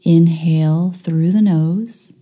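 Guiding a meditation, a woman uses a voice that is deeply soft, dark and relaxed. Her short instructions come extremely slowly, separated by long pauses, in a calm, soothing tone with very little pitch movement.

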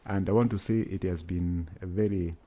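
Low-voiced Kenyan-accented man, earnest and emphatic. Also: fairly even intonation, normal speed, dark tone. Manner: earnest, emphatic, repeats phrases. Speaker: children's charity worker, interview guest. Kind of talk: interview answers.

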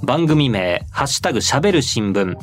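Male radio announcer hosting, polite and attentive, with a lively, swinging pitch and soft music behind. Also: brisk. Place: radio studio.

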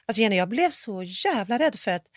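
A woman's voice: medium pitch, no room sound, clean studio sound. A woman in casual chat with a friend, telling a story vividly and acting out what people said. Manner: animated storyteller who acts out quoted speech. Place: abroad in a city with coyotes.

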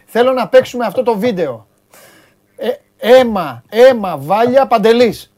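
A man's voice: extremely high pitch, lively intonation, darkish tone. Teasing, exclamatory male sports host. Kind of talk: casual studio chat.

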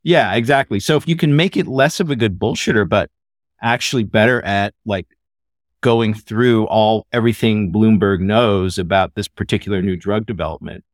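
Deep-voiced man explaining steadily. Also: no room sound, studio quality. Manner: measured, explanatory. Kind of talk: casual conversation.

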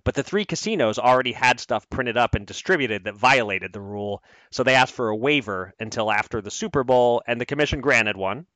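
A male podcast host talks through the week's news in a loose, conversational way, often laughing and trailing into asides. His voice sits at an ordinary middle pitch. The recording is close and dry, with no room sound. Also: expressive, fairly quick, few pauses, sharp tone, dry recording. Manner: conversational, laughs easily, filler-heavy asides. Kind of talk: casual podcast chat and news rundown.

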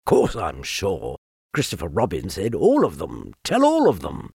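A man's voice: sits low, wildly swooping pitch, unhurried, vocal fry, darkish tone, breathy edge, no echo, studio quality, exaggerated voice. A man doing a fussy storybook owl. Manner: fussy and sulky. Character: fussy, self-important male owl.

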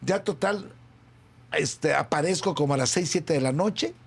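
A man's voice: measured pace, vocal fry, slightly rough. A middle-aged man with a Mexican accent, an interview guest who tells an anecdote and acts out the remembered dialogue himself. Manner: acts out both sides of remembered dialogue with big pitch swings. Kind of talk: storytelling in an interview.

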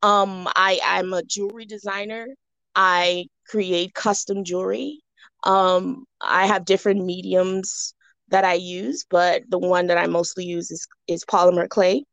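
A fairly low, gravelly woman's voice from the Bahamas, recorded dry and close. She is a young guest talking casually on a podcast, thoughtful and full of "um"s and restarts. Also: flat delivery, unhurried, a bit bright, dry recording. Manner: reflective, many fillers and restarts.

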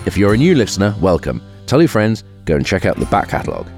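Male podcast co-host, very deep voice, relaxed deadpan chat. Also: fast, soft background music. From England. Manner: laid-back, dry banter. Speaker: podcast co-host, rugby player. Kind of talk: casual chat. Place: podcast studio.

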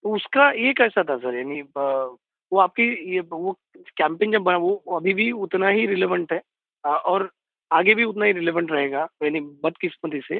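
A man's voice: high-pitched, vocal fry, no echo. A man interviewing a guest with deferential questions, calling him sir and humming along as he listens. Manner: deferential, says "sir" often, many hums. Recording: dry tinny phone-like sound.

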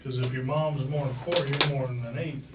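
A man's voice: medium pitch, fairly even intonation, fast talker. A male police detective questioning a suspect in a casual, chatty way. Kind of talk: police interrogation. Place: police interview room. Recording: echoey, distant, muffled interview room audio with noise.

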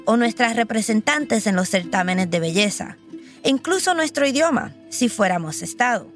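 A woman's voice: fairly high pitch, expressive, normal speed, faint music behind. A woman hosting and narrating a documentary podcast in a personal, reflective storytelling manner. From Puerto Rico.

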